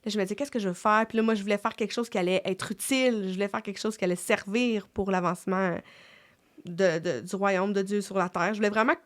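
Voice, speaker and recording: A woman's voice: medium pitch, fairly even intonation, fast. A middle-aged woman with a Québécois French accent, hosting a casual faith chat in a reflective way, with many fillers and restarts. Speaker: podcast host.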